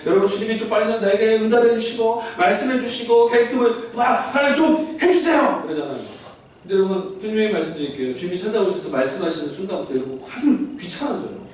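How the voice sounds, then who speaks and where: A man with a high voice preaches rapidly and with animation, asking his congregation questions and acting out God's speech. The sound is distant and echoey, as in a big church hall, with slight noise.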